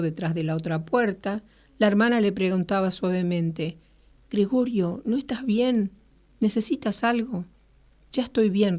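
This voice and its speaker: A woman's voice: on the low side, darkish tone. Woman radio host reading aloud. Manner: measured literary reading with occasional hesitant fillers. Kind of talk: reading a novel aloud, then commentary. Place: radio studio.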